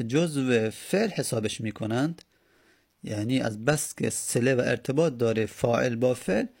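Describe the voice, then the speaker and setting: A man teaching a grammar lesson, explaining slowly and repeating word forms as he spells them out. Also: mid-range voice, gravelly, darkish tone. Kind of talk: Arabic grammar lesson in Persian.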